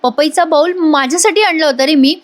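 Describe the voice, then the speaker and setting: A sly young woman from a TV serial, read aloud by a woman coaxes the others and insists she means no harm. The voice is the reader's own, somewhat high, with gentle persuasion in it. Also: a little fast, lightly acted. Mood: coaxing.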